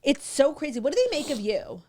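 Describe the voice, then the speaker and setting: A woman's voice: high voice, lively intonation, fairly quick, a little mellow. A young American woman hosting a casual chat, asking eager, fan-like questions. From United States. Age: young adult. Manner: enthusiastic, fan-like interviewing. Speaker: host.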